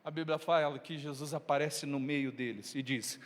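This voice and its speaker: A man's voice: on the high side, steady tone, moderate pace. A man preaching a sermon in a church, retelling the story emphatically and addressing the congregation directly. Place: church sanctuary. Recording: long reverb in a church hall.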